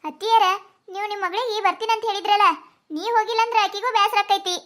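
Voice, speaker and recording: A woman's voice: very high-pitched, fairly even intonation, fast, fairly bright tone. A woman voicing a scheming, phone-obsessed young daughter-in-law in a cartoon comedy, whiny and melodramatic, with a North Karnataka accent. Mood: fake-sad. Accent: North Karnataka Kannada.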